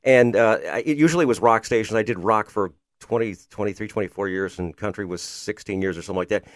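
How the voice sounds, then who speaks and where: An older radio man hosting a podcast, chatty and folksy, laughing easily between questions. His voice sits a little low, and the recording is dry and close with no room around it. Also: quick pace, no echo. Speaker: podcast host, retired radio DJ. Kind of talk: casual interview chat.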